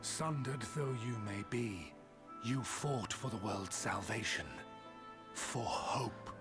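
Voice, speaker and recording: An actor playing a solemn, brooding ancient villain in a video game, grave and theatrical in archaic speech. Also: male voice, medium pitch, slow pace, lightly acted. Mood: swelling resolve. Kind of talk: dramatic video game voice acting. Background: game music.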